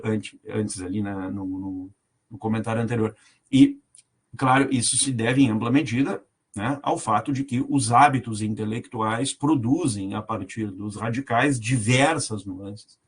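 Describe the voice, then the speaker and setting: Husky-voiced man lecturing a reading group. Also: medium pitch. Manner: explanatory, frequent "tá?" check-ins, reads aloud from text. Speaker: law professor leading a reading group. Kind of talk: online seminar lecture.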